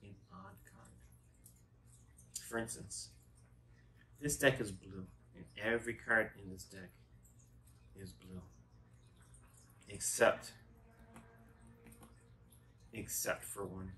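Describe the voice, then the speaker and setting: A man's voice: lowish voice, steady tone, takes it slowly, long pauses, bright, forceful tone. A middle-aged man presenting a card trick in chatty magician patter, wandering off into tongue-in-cheek asides. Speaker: magician co-host of a magic show. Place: small dark room, indoors. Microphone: phone camera set back from the table. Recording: voice distant from the microphone.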